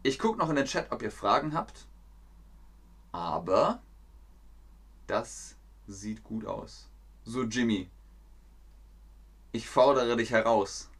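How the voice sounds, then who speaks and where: A man's voice: medium pitch, lively intonation, slow, pauses often, a bit bright, husky. A man hosting a live-streamed German lesson, playful and talking to chat viewers by name. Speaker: German teacher hosting a livestream.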